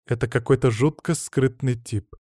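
A man voicing a calm, sly female informant in an audiobook, in a near-natural voice. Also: mid-range voice, normal speed, no room sound, clean studio sound, close to an everyday voice. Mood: composed. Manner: composed, matter-of-fact.

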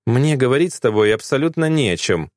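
A man's voice: mid-range voice, expressive, a little fast, darkish tone, no room sound, clean studio sound, voice pushed up, lightly acted. A man voicing a bitter young man who speaks curtly and with contempt in an audiobook story. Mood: scornful. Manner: curt, contemptuous. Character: cold, bitter young man, harsh and scornful.

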